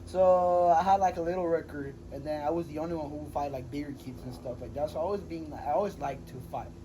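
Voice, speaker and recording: A man in his twenties from Honduras, chatting casually as an interview guest, relaxed and slangy with many fillers and restarts. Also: fairly high pitch, fast talker, low-quality recording. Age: 20s. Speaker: MMA fighter, guest.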